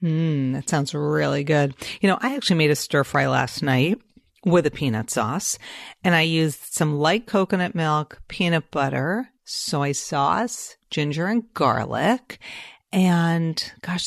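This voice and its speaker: A woman hosting a podcast, chatting in a friendly, easy way with quick asides. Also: low-pitched, creaky, no echo, studio quality. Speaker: podcast host. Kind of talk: casual podcast chat.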